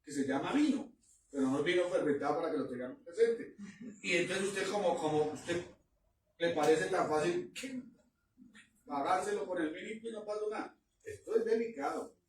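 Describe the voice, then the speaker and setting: A man's voice: high-pitched, moderate pace, slight background noise. A man preaching a sermon to a church congregation, exhorting and asking his listeners questions. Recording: echoey room, voice from far off.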